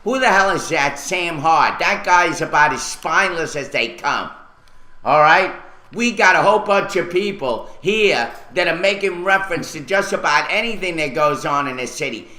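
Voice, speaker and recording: On his radio talk show, a man rants furiously at local officials, swearing profanely on air. His fairly high voice is animated, pushed and bright at a moderate pace, in a rough recording from an echoey room.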